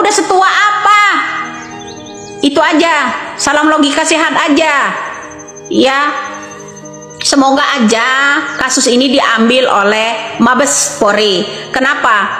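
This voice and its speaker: Insistent high-voiced woman in her fifties. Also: measured pace, bright, forceful tone, soft background music. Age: 50s. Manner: insistent, repeats rhetorical questions. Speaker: online commentator. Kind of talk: impassioned monologue to camera. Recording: echoey reverberant room.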